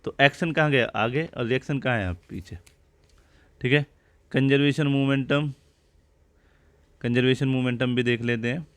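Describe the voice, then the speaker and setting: A male teacher with a mid-range, slightly bright voice gives a physics lecture in a conversational classroom style, at a moderate pace with frequent pauses. He explains things step by step, posing questions and answering them himself.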